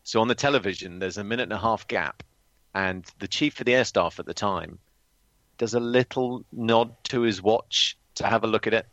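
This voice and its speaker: A man's voice: on the low side, moderate pace, fairly bright tone, no room sound. A man who is a former display pilot, telling flying stories on a podcast with dry, teasing banter. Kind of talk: casual podcast chat. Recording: dull lo-fi, dry sound.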